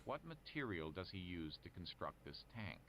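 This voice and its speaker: Deep-voiced quiz announcer. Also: male voice, sing-song. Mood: formal. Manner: measured, formal reading of questions and options. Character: male quiz announcer reading trivia questions. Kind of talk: scripted game show announcing. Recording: noisy game audio.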